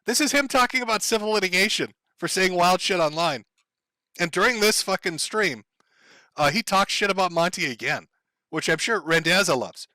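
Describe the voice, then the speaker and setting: A man's voice: high-pitched, lively intonation, moderate pace, sharp tone, no room sound. A man hosting a livestream, commenting to his chat in a blunt, profane, sardonic way. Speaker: stream host.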